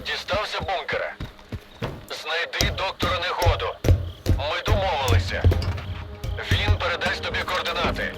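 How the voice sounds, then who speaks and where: A man's voice: high voice, expressive, moderate pace, long pauses. An actor playing a worried male radio contact in a video game, talking urgently to the hero. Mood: anxious. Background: game music.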